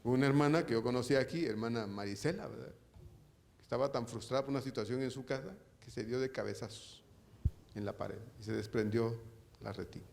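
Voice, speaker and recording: Gravelly-voiced male pastor preaching. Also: mid-range voice, a little fast, darkish tone. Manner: rhetorical questions with frequent tag questions; addresses listeners directly as brother. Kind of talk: sermon. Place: church.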